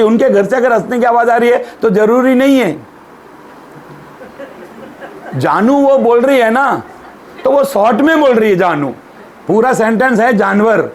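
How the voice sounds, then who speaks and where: A man's voice: very high voice, slight background noise. A male pastor preaching a sermon, telling jokes and putting questions to the congregation. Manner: humorous storyteller, asks the congregation questions.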